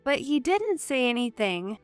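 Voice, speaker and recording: Earnest woman storyteller, slow and smooth, dry close recording. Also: high voice, big pitch swings, no room sound, faint music behind. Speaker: narrator. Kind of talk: first-person story narration.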